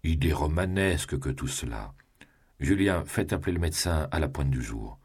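A guy doing a curt, unimaginative husband, deep and husky, brushes things off, storybook reading. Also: expressive, moderate pace, exaggerated voice. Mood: dismissive. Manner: curt, dismissive. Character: dismissive middle-aged husband, unimaginative and curt.

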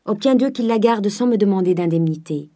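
A woman reading the part of a proud, ruined young gentleman, in a measured and formal way. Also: medium pitch, lively intonation, lightly acted.

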